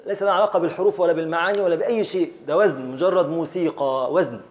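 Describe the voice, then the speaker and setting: A man's voice: fairly high pitch, rapid-fire. A man with an Egyptian accent teaching a classroom lesson, patiently drilling students by repeating and counting along. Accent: Egyptian Arabic. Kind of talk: classroom lesson on Arabic prosody.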